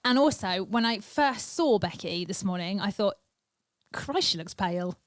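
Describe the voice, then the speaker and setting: British woman, casual podcast banter, medium pitch, blunt and teasing delivery, no room sound. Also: lively intonation, normal speed, dry recording, clean studio sound. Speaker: podcast co-host. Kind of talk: casual chat.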